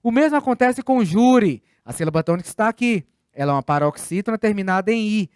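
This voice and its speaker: A teacher giving a recorded grammar lesson, explaining step by step with patient, clear phrasing and questions to the students. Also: mid-range voice, animated, fast talker, darkish tone, no room sound, clean studio sound.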